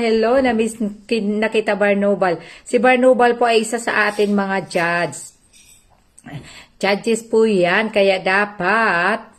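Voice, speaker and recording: A woman with a Filipino accent hosting a casual livestream, greeting viewers by name and reading out their comments. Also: mid-range voice. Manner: chatty, reads out viewer names and comments. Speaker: livestream host.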